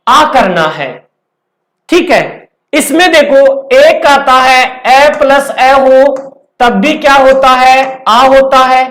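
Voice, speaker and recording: A woman giving a grammar lesson at a very slow, deliberate pace, in a voice a little higher than most. She puts questions to her students and then answers them, repeating each key term. The room around her has a noticeable echo. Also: fairly bright tone. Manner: asks the class questions and answers them herself; repeats key terms over and over. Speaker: Hindi grammar teacher.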